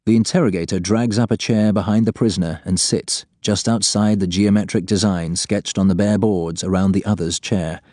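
A man's voice: fairly low pitch, steady tone, moderate pace, hardly any pauses, darkish tone, no room sound, clean studio sound. A man reading scripted fiction as an audiobook narrator.

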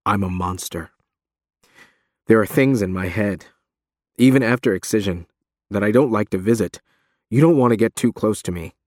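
Male narrator as haunted ex-soldier, plaintive, ashamed, low pitch, audiobook dialogue, dry sound. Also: normal speed, pauses often, a little mellow, no room sound, natural voice. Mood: plaintive, anguished. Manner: plaintive, forlorn. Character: haunted, guilt-ridden male ex-soldier confessing war crimes.

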